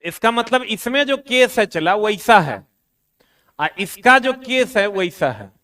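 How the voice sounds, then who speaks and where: High-voiced teacher lecturing slowly. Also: male voice, sing-song, bright, forceful tone. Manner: teasing, scolds and jokes with students. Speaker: physics teacher. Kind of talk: classroom lecture. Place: classroom.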